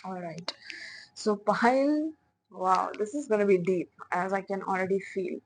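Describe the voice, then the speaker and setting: A woman speaks a little slowly at medium pitch while doing a pick-a-card tarot reading, treating her viewers as piles. Her manner is chatty and playful, with lots of fillers and soft laughs, and the low-quality recording has slight background noise.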